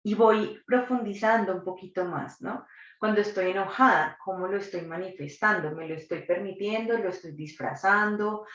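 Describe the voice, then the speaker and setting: A woman, a psychologist and doula, leading a live online workshop and asking the audience reflective questions. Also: mid-range voice. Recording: distant, dull, roomy recording.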